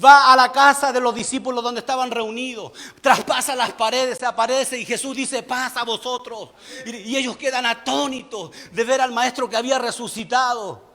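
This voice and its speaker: A male pastor preaches in a very high voice, pressing his points with emphasis and repetition. He stumbles over words now and then. A long reverb from the church hall rings behind him. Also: fairly even intonation, moderate pace, few pauses, sharp tone. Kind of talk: sermon.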